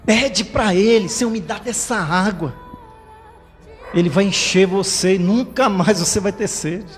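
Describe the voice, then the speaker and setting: A man's voice: high voice, a little slow, long reverb tail, faint music behind. A man preaching a sermon as pastor, fervent and conversational, tagging his phrases with a questioning "right?". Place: church livestream.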